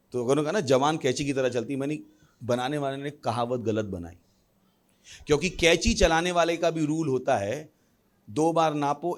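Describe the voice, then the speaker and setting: A male pastor preaching a sermon, lively with humorous asides and questions thrown to the congregation. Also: mid-range voice. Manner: animated preaching with humorous asides and acted voices.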